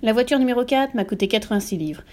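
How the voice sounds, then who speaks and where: A woman's voice: a little high, animated, fast, darkish tone, pitched above the performer's own voice, lightly acted. A woman voicing a smug, bullying middle-aged father in an audiobook, bragging and barking. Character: boastful, bullying middle-aged father, used-car dealer.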